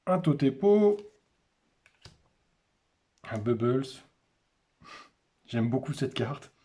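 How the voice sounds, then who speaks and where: Slow, mellow-voiced man naming cards. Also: mid-range voice, expressive. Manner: names cards one by one in short, unhurried remarks. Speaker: host opening a card display. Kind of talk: casual unboxing commentary.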